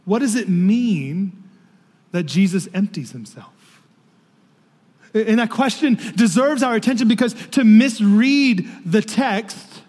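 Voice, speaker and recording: A man preaching a sermon as pastor, slow and emphatic, falling to a hush on key phrases. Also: high voice. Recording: reverberant hall.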